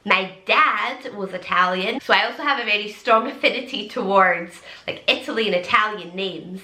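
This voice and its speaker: A young pregnant woman talks casually and enthusiastically to camera, full of quick asides. Her voice is bright and clear, with a middling pitch. The room around her rings with noticeable echo. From Scotland. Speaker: vlogger. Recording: echoey room.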